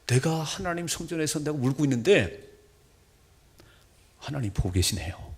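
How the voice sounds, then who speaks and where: A middle-aged male pastor preaching a sermon, moving between soft murmurs and loud emphatic lines. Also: a little high, very animated, normal speed, husky.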